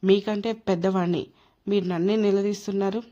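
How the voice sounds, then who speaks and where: A woman's voice: medium pitch, little pitch movement, fairly quick, mellow, natural voice. A woman voicing a stubborn, harsh husband who speaks firmly and dismissively in an emotional audio story. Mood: firm, cold. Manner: firm, blunt, dismissive. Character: stubborn harsh husband, man, cold and unyielding. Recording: dull lo-fi recording.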